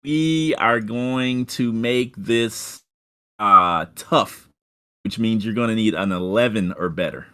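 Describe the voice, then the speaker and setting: A man narrating as game master of a tabletop game, halting with many fillers and restarts. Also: on the low side, a bit bright, clean tone.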